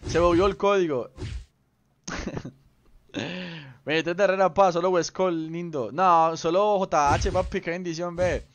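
A man's voice: high voice, slow pace, pauses often, slight background noise. A young man, chatting casually on a game stream, teasing and greeting viewers by name. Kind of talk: casual live-stream chat.

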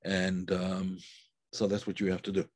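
A man with a low voice teaches a live online class, speaking slowly and thinking aloud with plenty of fillers and restarts. He reads out viewers' comments and praises them. The sound is dry and close, with no room echo. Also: monotone. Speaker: Kabbalah teacher.

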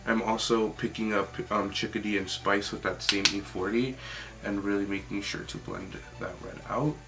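A man's voice: lowish voice, fairly even intonation, normal speed, gravelly. A young man giving a casual, chatty makeup tutorial in an informal way, with lots of "like". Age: young adult. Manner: chatty, informal, often says "like". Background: music.

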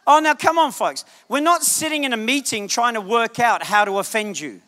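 A male guest preacher giving a lively, jokey sermon to a congregation, punching points with sudden loud bursts. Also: very high voice, normal speed. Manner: animated, jokey, shouts for emphasis. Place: church sanctuary. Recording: church hall reverb.

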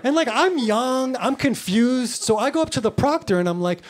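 A man's voice: very high voice, expressive, moderate pace. A man in his thirties doing a live stand-up routine, loose and rambling, full of filler words. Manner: loose, rambling delivery full of "like" and "you know". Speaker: stand-up comedian. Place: comedy club. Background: audience laughter.

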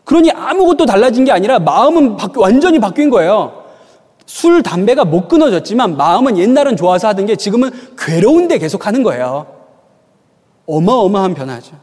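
A man's voice: high voice, very animated, brisk, a little mellow, in a large hall. A middle-aged man preaching a sermon, telling stories and asking his listeners rhetorical questions. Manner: storytelling, asks the audience rhetorical questions.

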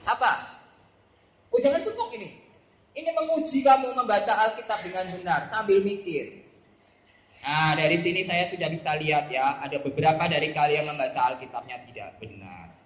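A man's voice: a little high, animated, moderate pace, fairly bright tone, echoey room, rough recording. A man teaching a Bible lesson to children, playful, calling on pupils by name and quizzing them.

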